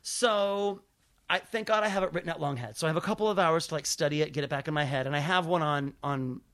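An American man talks in a casual storytelling flow, with a voice that sits a little high for a man. He retells conversations by quoting each side in turn. The sound is dry, with very little room around it. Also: fast, no echo. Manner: animated retelling with quoted dialogue. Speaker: stand-up comedian.

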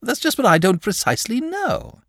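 A man's voice: extremely high pitch, wildly swooping pitch, moderate pace, fairly bright tone, no room sound, clean studio sound, voice pushed up, full character voice. A man voicing a lazy, talkative, genial male dragon in a fussy, hasty, old-fashioned manner. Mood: chatty.

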